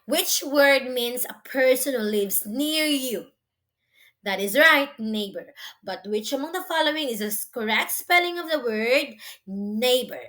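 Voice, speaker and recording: A woman teacher giving a slow school dictation quiz, asking questions deliberately and confirming the answers with encouragement. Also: sits high, animated, a bit bright. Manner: slow, deliberate delivery, spelling words out letter by letter; encouraging, praising the listener.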